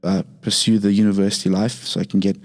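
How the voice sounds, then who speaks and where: A young man from Zimbabwe with a Zimbabwean accent, chatting relaxed as a podcast guest, with many fillers and restarts. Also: fairly low pitch, fast talker. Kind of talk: casual interview talk.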